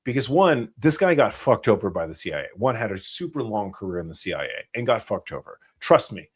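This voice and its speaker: Blunt, profane American man, lowish voice. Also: very animated, a little fast, husky. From United States. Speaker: channel host, former special operations soldier. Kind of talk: live stream Q&A.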